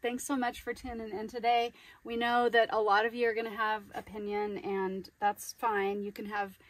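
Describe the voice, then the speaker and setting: A woman's voice: fairly high pitch, level tone, moderate pace, no room sound. A woman in her forties chatting casually to camera outdoors, laughing easily. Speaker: homestead vlogger. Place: outdoors on a desert homestead. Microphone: camera held at a distance. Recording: distant outdoor camera sound, faint noise.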